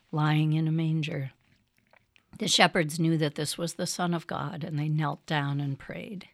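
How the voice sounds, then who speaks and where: Gentle storybook Santa, old and kind, warm and patient; a woman reads him. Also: deep voice, no echo, studio quality.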